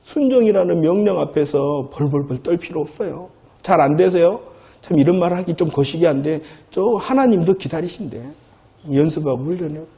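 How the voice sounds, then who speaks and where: A man preaching as a pastor in a church, talking conversationally, then repeating phrases loudly for emphasis. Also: fairly high pitch, fairly quick, creaky. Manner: conversational preaching, swings from soft asides to loud emphatic repetition. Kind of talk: sermon.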